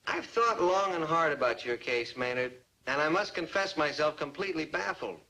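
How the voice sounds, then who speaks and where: A man's voice: a little high, animated, normal speed, pushed and bright. An actor playing a pompous, long-suffering male schoolteacher in an old TV sitcom, with formal, florid diction. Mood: exasperated. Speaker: teacher. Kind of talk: 1950s-60s TV sitcom acting. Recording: faintly noisy old TV soundtrack.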